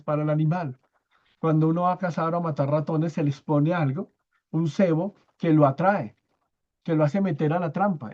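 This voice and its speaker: A man teaching a church Bible study, explaining step by step, often checking in with his listeners and repeating key words slowly for emphasis. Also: on the high side, lo-fi sound. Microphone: own microphone.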